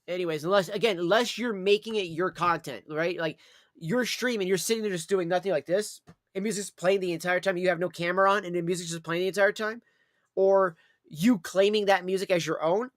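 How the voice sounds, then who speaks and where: A man's voice: high-pitched, fairly bright tone, dry recording, studio quality. A man chatting casually on a livestream in a rambling, repetitive way, with some swearing. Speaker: live streamer.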